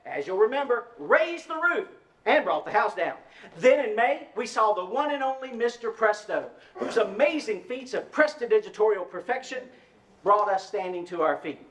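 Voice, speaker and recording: A man's voice: extremely high pitch, a bit bright, reverberant, rough recording. An actor playing a folksy male lodge emcee welcoming members and announcing the evening's entertainment. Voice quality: folksy, showman-like. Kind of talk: radio drama acting.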